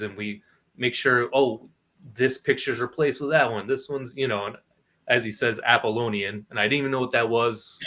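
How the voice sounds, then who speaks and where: A man, a guest co-author, telling a story in casual chat, animated, cursing freely and acting out what others said. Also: medium pitch. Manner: animated, swears freely, quotes others in voices.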